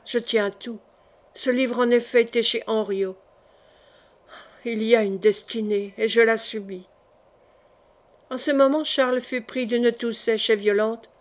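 A woman reading a classic novel aloud as an audiobook, voicing every part in the same steady narrating voice. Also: on the high side. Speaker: audiobook reader.

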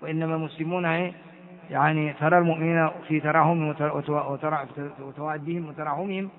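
A man's voice: on the high side, fairly even intonation, quick pace, slight background noise. A man from Ethiopia gives a classroom commentary on hadith, repeating phrases and quizzing his students. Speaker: hadith teacher. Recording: tinny, phone-like lo-fi recording.

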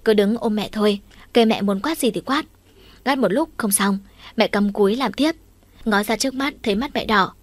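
A woman's voice: medium pitch, normal speed, dry recording. Woman narrating an audiobook, dry close sound. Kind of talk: first-person story narration.

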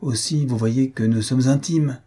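A man voicing a vain, foppish young gentleman who talks in an affected, mocking, chatty way. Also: mid-range voice, unhurried, husky, pitched above the performer's own voice.

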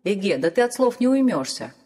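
A woman voicing a stern, angry young blacksmith who shouts curt threats. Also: medium pitch, sing-song, a little fast. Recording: long hall reverb.

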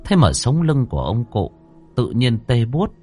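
A man narrating a ghost story audiobook in a measured, dramatic storytelling manner. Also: mid-range voice, sing-song, music in the background.

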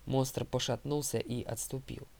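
A male audiobook narrator telling the story in a steady first-person voice. His tone is gravelly and creaky. The pitch sits in the middle of the male range. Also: a little slow.

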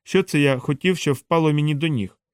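A man voicing a gentle, timid male alien robot who pleads in a hurt, higher voice. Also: a little fast, clear, resonant tone, no echo, clean studio sound, natural voice. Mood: sorrowful. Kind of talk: audiobook character reading.

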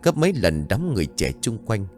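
A man's voice: fairly low pitch, very animated, fairly quick, a little mellow, soft background music. A man narrating a horror story in a dramatic, suspenseful way.

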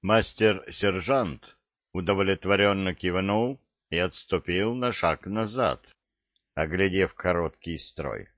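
A man narrates an audiobook in a low, deliberate voice, taking his time over every sentence. His delivery stays steady and measured throughout. The recording is dry and muffled, with a dull lo-fi tone. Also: no room sound.

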